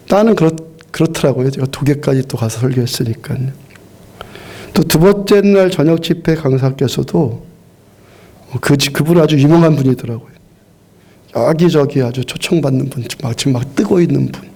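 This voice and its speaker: Gravelly, dark-voiced Korean pastor preaching. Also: male voice, mid-range voice. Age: middle-aged. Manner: earnest storytelling with frequent restarts and repetitions. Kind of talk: sermon. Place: church sanctuary.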